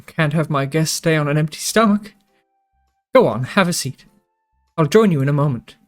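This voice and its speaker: A man voicing a gentle, caring green-skinned mushroom man in a game, speaking softly and hospitably with quiet pride. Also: a little high, expressive, normal speed, faint music behind, close to an everyday voice. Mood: welcoming.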